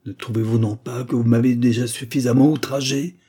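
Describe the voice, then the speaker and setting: A man's voice: medium pitch, moderate pace, dark tone, husky, close to an everyday voice. A man voicing a bitter, grieving male doctor who lashes out indignantly, hammering each word. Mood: furious, contemptuous.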